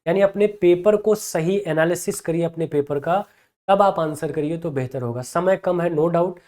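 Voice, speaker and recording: A man's voice: fairly high pitch, moderate pace, darkish tone. A male teacher with a Hindi accent gives exam advice to students in an encouraging tone. He keeps checking in with them through a repeated "theek hai na". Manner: encouraging, repeats "ठीक है ना" often.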